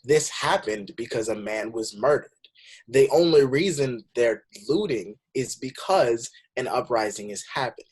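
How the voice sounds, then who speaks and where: A man's voice: medium pitch, lively intonation, a little slow, darkish tone, slightly rough. A young man from the Bay Area talking earnestly in a casual group discussion, building to emphatic points. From San Francisco Bay Area. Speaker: panel guest.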